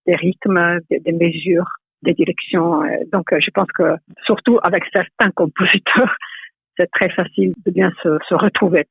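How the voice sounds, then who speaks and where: A middle-aged Italian woman speaks with a clear Italian accent, searching for words and often repeating herself as she answers. Her voice is gravelly and husky. The sound is thin and phone-like, and very dry. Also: lowish voice, steady tone, no room sound. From Italy. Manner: hesitant, many pauses and repeated words. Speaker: architecture professor, guest. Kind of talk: thoughtful interview answers. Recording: tinny phone-like line, dry.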